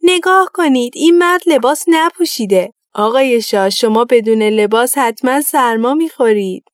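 A woman's voice: a little high, lively intonation, no echo, clean studio sound, pitched above the performer's own voice, lightly acted. A woman voicing a bold, honest little boy who speaks out bluntly in a crowd, in a children's storybook reading. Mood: exclaiming. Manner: blunt, exclaiming.

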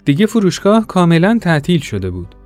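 A man tells a first-person story in a gentle, reflective tone. His voice is somewhat high and moves a lot in pitch. Soft music plays quietly behind him. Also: huge pitch swings. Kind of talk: scripted narration of a story.

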